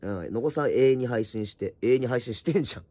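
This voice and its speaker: Streaming late at night from home under an electric blanket, a middle-aged man with a slightly hoarse voice races through viewers' comments and answers them. He talks fast and lively, his pitch swinging widely, tossing out blunt, teasing replies and muttered asides. The audio is close and dry, with no sense of a room.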